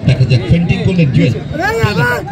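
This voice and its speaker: A man calls a football match live in a frantic, exclamatory way. His voice is fairly high, and he works outdoors over a very loud crowd. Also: huge pitch swings, fast. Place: outdoors at a local football ground. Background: loud crowd, outdoor urban noise.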